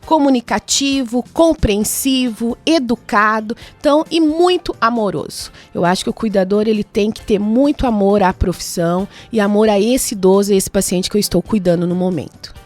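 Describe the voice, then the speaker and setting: A woman with a Brazilian Portuguese accent speaks at an ordinary middle pitch in a radio studio. She explains her work as a nurse step by step, ticking off qualities one after another. Her tone stays informative and conversational. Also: normal speed, a little mellow, soft background music. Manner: explanatory, lists points with frequent tag questions. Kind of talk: radio interview answers.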